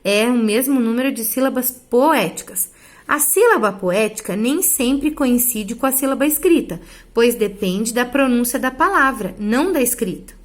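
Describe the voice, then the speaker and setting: A woman's voice: a little high, expressive, normal speed. A woman teaching step by step. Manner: explains step by step with frequent checks like "tá?" and "né?". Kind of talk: online class lesson.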